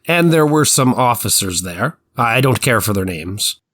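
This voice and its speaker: In a dramatized reading of an 1890s trial transcript, a man takes the role of the prosecuting attorney, speaking at medium pitch with lively intonation, a measured pace, and a fairly bright tone. He probes the witness formally with precise, methodical questions.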